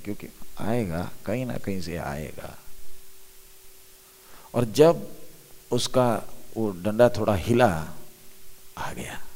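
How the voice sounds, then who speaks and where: Slow, deep-toned preacher in a reverberant hall. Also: male voice, darkish tone. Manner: asks the audience questions and answers them himself. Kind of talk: sermon. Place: large hall at a youth conference.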